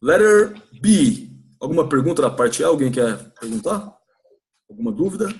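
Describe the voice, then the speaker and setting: A man with a Brazilian Portuguese accent teaching an English lesson in a church classroom, stretching out model phrases slowly for students to repeat. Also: medium pitch, lively intonation, a little mellow.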